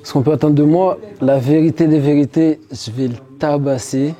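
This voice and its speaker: A man's voice: fairly high pitch, fairly even intonation, moderate pace, mellow. A man in his twenties, an amateur fighter, answering interview questions earnestly and with growing confidence. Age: 20s. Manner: earnest, confident, sometimes boastful.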